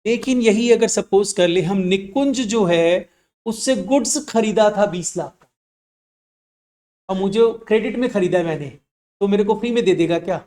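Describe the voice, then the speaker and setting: A man teaching accounts in a classroom with students, mixing Hindi and English, asking questions and answering them himself, and slowing down to dictate definitions. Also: high-pitched, darkish tone. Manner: slows down to dictate definitions word by word.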